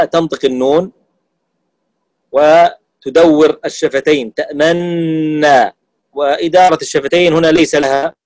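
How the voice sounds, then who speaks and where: A man gives a classroom lesson on the rules of Quran recitation, pausing to demonstrate each sound slowly. His voice sits a little high. The recording is dry, with no room echo.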